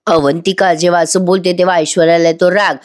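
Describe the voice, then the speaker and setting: A woman's voice: lowish voice, little pitch movement, fast talker. A woman giving a chatty voice-over recap of a TV serial, talking directly to viewers. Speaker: TV serial reviewer.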